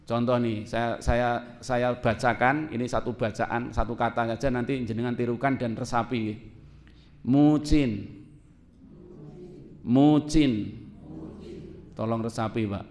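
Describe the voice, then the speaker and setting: A man preaching to a congregation in a lively, conversational way, asking his listeners questions and laughing along with them. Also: medium pitch, moderate pace. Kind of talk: sermon to a congregation.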